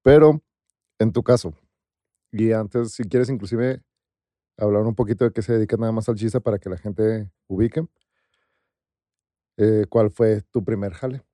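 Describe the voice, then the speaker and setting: Mellow Mexican podcast host, dry sound. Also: male voice, lowish voice, steady tone, normal speed, pauses often, no echo. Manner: loose, hesitant questioning. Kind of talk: casual podcast interview.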